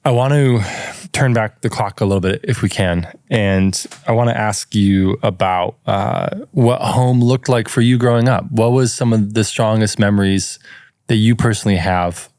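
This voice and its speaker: Low-voiced male interviewer, gentle. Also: moderate pace, no room sound, studio quality.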